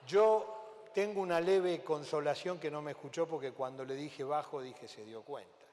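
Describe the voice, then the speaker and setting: A middle-aged man with a Rioplatense Spanish accent preaches to his congregation, shifting from teaching into lively storytelling and asking the audience questions. His voice sits a little high for a man. A long church-hall reverb trails after each phrase. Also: moderate pace. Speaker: pastor and psychiatrist. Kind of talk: sermon.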